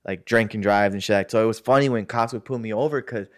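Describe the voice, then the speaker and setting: A man's voice: fairly low pitch, fast talker. A young man telling a story in casual chat, loose and slangy, with lots of fillers and cursing.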